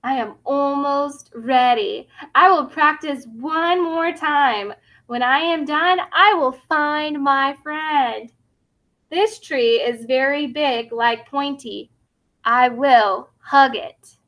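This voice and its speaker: In a heavily acted performance, a woman gives voice to a tiny young T. rex from a children's storybook. Her delivery sits high, a bit bright, and slow, with short careful sentences that sound earnest, determined and childlike.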